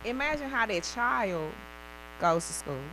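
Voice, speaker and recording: Emphatic woman presenter with lively pitch. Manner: emphatic, deliberate phrasing with rhetorical questions. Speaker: co-presenter, higher education speaker. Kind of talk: public presentation. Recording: clear electrical hum and buzz.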